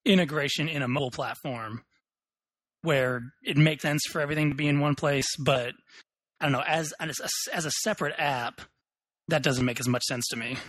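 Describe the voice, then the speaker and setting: A man's voice: a little high, a bit bright, no echo, poor audio. Opinionated young man on a tech podcast. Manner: opinionated, quick, thinks aloud with restarts. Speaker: podcast co-host. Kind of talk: casual tech podcast chat.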